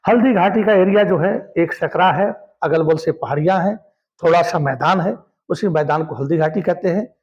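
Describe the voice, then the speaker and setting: A man telling a history story as a lesson, animated and speaking to his listeners as friends. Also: fairly high pitch, normal speed, highs cut off.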